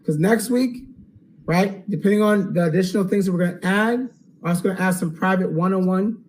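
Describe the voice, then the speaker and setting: A man hosting a live webinar Q&A, upbeat and salesy, checking in with "okay?" and going hoarse. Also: high voice, brisk, darkish tone, a little hiss or hum, rough recording. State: losing his voice. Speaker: online course host.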